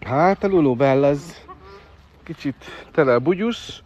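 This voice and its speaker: A man live streaming by phone from an outdoor bird park, chatting to viewers and coaxing birds with excited squeals. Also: on the high side. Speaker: livestreaming animal keeper. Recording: dull phone audio with faint noise.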